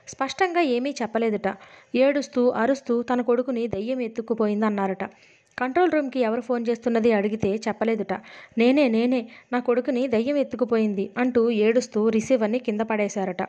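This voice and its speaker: A woman's voice: a little high, a little fast, dull audio. A woman reading a detective novel aloud, steadily, in a storybook manner. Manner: steady storybook reading, dialogue read with little change of voice.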